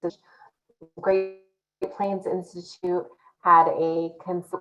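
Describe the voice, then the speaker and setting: A woman's voice: lowish voice, little pitch movement, takes it slowly, fairly bright tone, muffled recording, faint music behind. A woman presenting slides over a video call, her audio glitchy and breaking up as she walks through policy points in a businesslike way. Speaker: presenter for a state office. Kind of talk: presenting slides at a public listening session.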